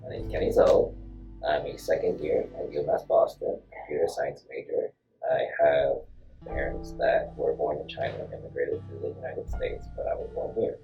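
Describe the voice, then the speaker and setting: A young adult student speaking in a matter-of-fact way in a casual interview. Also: male voice, extremely low pitch, little pitch movement, normal speed, highs cut off. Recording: distant and roomy with clear guitar.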